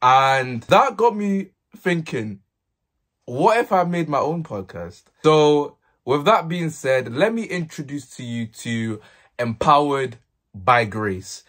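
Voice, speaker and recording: A man's voice: on the high side, expressive, slow, a bit bright. Young man with urban roadman slang. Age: young adult. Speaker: vlogger. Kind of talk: casual chat to camera. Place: small plain bedroom, indoors. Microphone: handheld earphone-wire mic.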